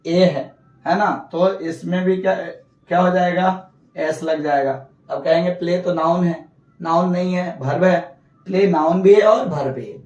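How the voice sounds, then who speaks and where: A high-pitched man with a darkish tone explains English grammar rules in a classroom lesson, captured lo-fi from a distance in an echoey room. He repeats rules and poses questions he answers himself.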